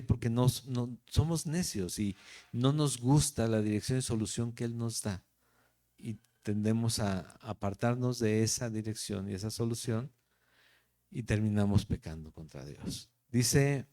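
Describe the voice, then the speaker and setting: With a mellow, mid-range voice and a Mexican Spanish accent, this Guadalajara-born man from Jalisco teaches Scripture verse by verse as a pastor. His style is conversational, and he frequently checks in with those listening.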